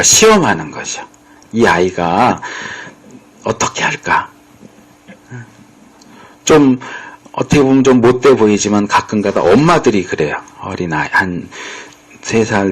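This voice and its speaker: A man's voice: fairly low pitch, husky. A male pastor giving a conversational sermon, acting out bits of dialogue as he explains. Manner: conversational preaching, acts out quoted dialogue.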